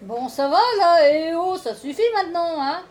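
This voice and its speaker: A woman's voice: extremely high pitch, moderate pace, a little mellow. An actress playing a thrifty, no-nonsense mother in a natural radio drama style. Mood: exasperated. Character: thrifty, no-nonsense village mother, easily exasperated.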